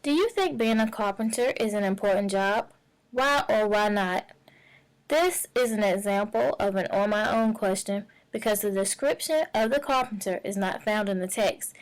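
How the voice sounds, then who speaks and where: A woman teacher narrates a reading lesson, explaining each step clearly and at a measured pace. Her voice sits at a medium pitch. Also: low-quality recording. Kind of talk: instructional narration.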